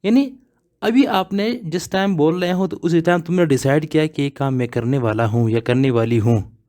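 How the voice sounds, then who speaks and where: A man's voice: fairly high pitch, moderate pace, a little mellow. A man teaching English grammar, explaining step by step and repeating example words one at a time. He asks his class questions and then answers them himself. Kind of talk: grammar lesson explained slowly.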